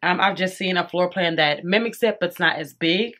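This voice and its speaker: A young woman with a lowish, somewhat bright voice talks fairly quickly, vlogging casually to camera from her bedroom at home. She's chatty, a little congested, calls her viewers "y'all," and eats while she talks.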